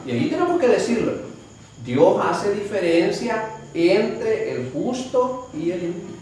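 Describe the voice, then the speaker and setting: A man's voice: high-pitched, sing-song, a little slow, a little mellow, slight background noise. A man with a Salvadoran Spanish accent teaching a Bible study, often calling listeners brother and asking rhetorical questions. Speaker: preacher. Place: church hall. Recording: echoey room from far off with faint ambience.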